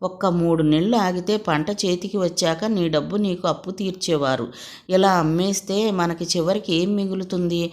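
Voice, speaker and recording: A woman voicing an aging village mother who scolds and laments in a low, rather plain voice. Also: fairly even intonation, moderate pace, darkish tone, lightly acted. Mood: scolding. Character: aging village mother, stern yet grieving.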